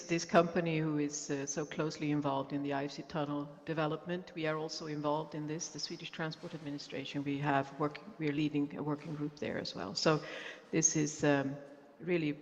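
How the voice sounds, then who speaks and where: A woman on a conference panel, speaking with enthusiasm but pausing on hesitant fillers. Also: low-pitched, little pitch movement, muffled recording. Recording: long hall reverb.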